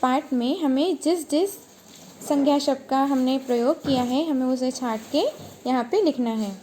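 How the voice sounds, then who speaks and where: A woman's voice: high-pitched, normal speed, dark tone, a little hiss or hum. A woman teacher giving a recorded grammar lesson, asking questions and then answering them herself.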